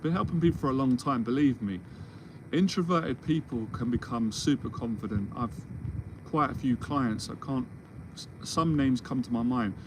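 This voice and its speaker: A man's voice: mid-range voice, normal speed, noisy background. Forty-year-old man, rambling mentor talk. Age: 40s. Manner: rambling, restarts often, reassuring. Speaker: confidence mentor. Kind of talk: solo Q&A monologue. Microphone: livestream or video call setup.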